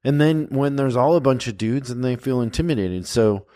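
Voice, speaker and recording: A man's voice: medium pitch, normal speed, no echo. A man hosting a casual podcast chat, telling stories from his own work and acting out the customers in them. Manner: animated storyteller, acts out customer exchanges. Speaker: podcast host.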